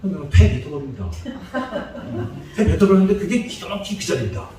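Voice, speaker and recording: A man's voice: on the high side, sing-song, fast talker, mellow. Joking man preaching in an echoey hall. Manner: joking, chatty storytelling with frequent laughter. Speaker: evangelist preacher. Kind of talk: humorous sermon lecture. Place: church sanctuary. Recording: echoey church hall, distant mic.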